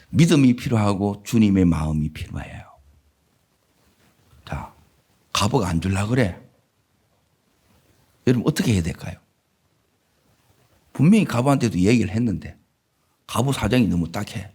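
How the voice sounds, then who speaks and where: A man with a Gyeongsang Korean accent preaches a sermon from the pulpit of a church. His husky voice leaps wildly up and down in pitch as he drops from loud emphasis into low murmured asides. He keeps throwing questions out to the congregation. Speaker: pastor. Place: church sanctuary.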